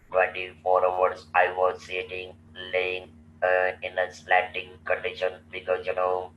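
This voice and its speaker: Heard from a distance in a roomy, muffled recording with faint noise, a man from India in his sixties slowly tells his personal story as a guest. His low voice stays flat and monotone, and his speech is deliberate, halting, and full of restarts.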